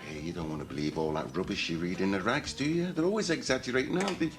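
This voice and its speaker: A man's voice: deep voice, fast talker, music in the background, close to an everyday voice. Shifty, evasive Liverpool man, played by an actor. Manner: evasive, defensive, shrugging things off. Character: shifty working-class man and dad. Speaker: robber and father. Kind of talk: TV soap acting.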